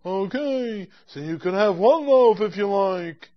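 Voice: mid-range voice, lively intonation, measured pace, natural voice. A performer playing an obliging small-town baker who keeps agreeing to every request. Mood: patient. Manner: agreeable, keeps saying no problem. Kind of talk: amateur comic storytelling skit. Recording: dull lo-fi recording.

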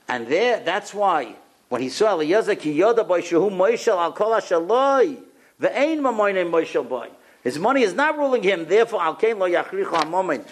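A middle-aged man giving a Torah lecture as a rabbi, emphatic, repeating phrases and asking rhetorical questions. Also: high voice.

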